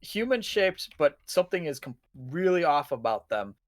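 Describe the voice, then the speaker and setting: A man's voice: on the high side, sing-song, moderate pace, dry recording. A man narrating a tabletop horror game as game master, casual with lots of fillers and chuckles.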